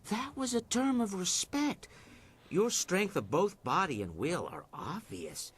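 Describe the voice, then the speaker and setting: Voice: mid-range voice, very animated, a little slow, slight background noise. An actor voicing a wary keeper of a haunted inn in a video game, speaking formally and with suspicion. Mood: guarded.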